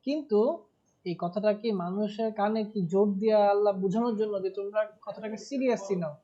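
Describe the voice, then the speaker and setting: A man teaching Arabic grammar in a live online class, explaining patiently and stressing key words. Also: high-pitched. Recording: muffled online class audio.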